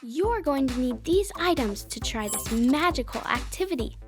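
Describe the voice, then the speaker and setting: A woman's voice: high-pitched, lively intonation, moderate pace, over music. A woman voicing an upbeat cartoon girl who presents a children's science activity from a script. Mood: upbeat, inviting. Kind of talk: scripted educational narration.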